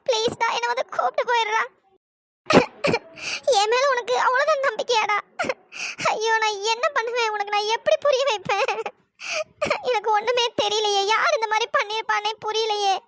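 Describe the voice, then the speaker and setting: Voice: extremely high pitch, steady tone, fairly quick, sharp tone, exaggerated voice. A performer voicing a heartbroken young wife in a cartoon story, crying and pleading to be believed. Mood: tearful pleading. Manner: sobbing, pleading.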